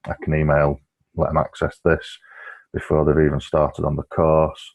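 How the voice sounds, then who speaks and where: A man tutor explaining an online tool step by step in a relaxed screen-recorded walkthrough, with frequent fillers. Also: rumbling low, normal speed, creaky.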